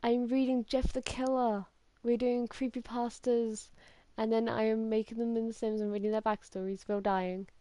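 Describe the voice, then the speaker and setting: A woman streamer reading a horror story aloud on a game stream, halting and correcting herself often. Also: fairly high pitch, level tone, warm tone, dry recording. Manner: halting, with many restarts and self-corrections.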